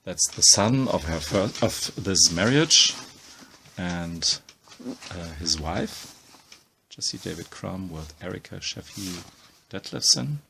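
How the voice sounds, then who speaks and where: A man talking casually as he pages through an art book, halting often with ums and uhs while he thinks aloud. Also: low-pitched, gravelly, pushed and bright, slight background noise. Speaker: comics book reviewer. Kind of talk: casual spoken book walkthrough.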